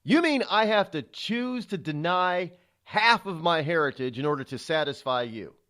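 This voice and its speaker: A middle-aged talk radio host delivers an indignant, rhetorical monologue, stumbling often and using fillers. His voice is a little high and fairly bright, with lively intonation at a moderate pace.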